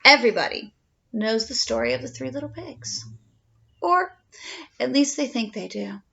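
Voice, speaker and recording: Storybook wolf played by a woman: chatty, indignant, self-justifying, highish and lively, theatrical stresses. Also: moderate pace, creaky, a little hiss or hum. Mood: confiding. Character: male storybook wolf, folksy, indignantly pleading his innocence. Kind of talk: read-aloud children's storybook narration in first person. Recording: dull home recording.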